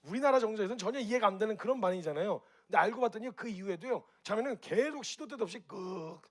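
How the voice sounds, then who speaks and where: A man with a husky, slightly raised voice speaks quickly to an audience. He keeps it animated, asks them direct questions and acts out reactions with sound effects. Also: high-pitched. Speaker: speaker at a group gathering. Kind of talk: lively spoken talk to an audience.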